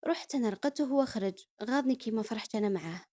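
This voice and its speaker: A young woman with an Algerian accent narrating her own story in a lively, conversational way. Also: on the high side, racing. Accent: Algerian Arabic. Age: young adult. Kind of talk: first-person story narration.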